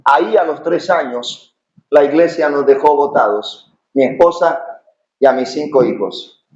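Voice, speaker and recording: A middle-aged man preaching a sermon as pastor, impassioned, often rising to shouts. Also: on the high side, unhurried, a little hiss or hum. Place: church sanctuary. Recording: echoey, dull church recording.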